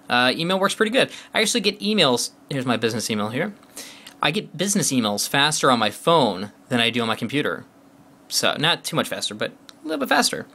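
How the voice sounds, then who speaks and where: The phone reviewer chats his way through a casual demo, tapping as he goes, with plenty of uh's and sentences he begins again. He has a bright, forward, medium-pitched voice with a sing-song lilt, and he talks fairly quickly.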